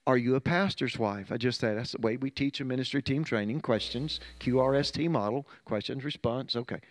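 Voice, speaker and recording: A middle-aged pastor preaching a sermon, telling stories earnestly and dropping to soft low tones. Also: male voice, no room sound.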